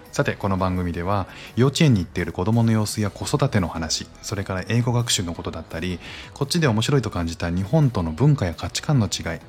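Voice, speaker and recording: Man, podcast host, lively swooping pitch, relaxed rambling, lots of fillers, faint music behind. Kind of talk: casual solo podcast chat.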